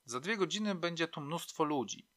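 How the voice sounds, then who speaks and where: A man's voice: on the high side, expressive, normal speed, a bit bright, no room sound, studio quality. A man reading a novel aloud in a reflective, wry storytelling manner. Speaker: narrator. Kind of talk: audiobook narration.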